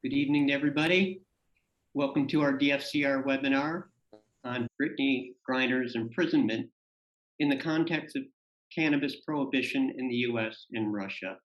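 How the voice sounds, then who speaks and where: A man hosting a webinar, reading a formal welcome and speaker introduction in a measured way. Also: mid-range voice. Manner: measured, reads from prepared text. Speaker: webinar host, organization president. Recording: echoey room, dull lo-fi audio.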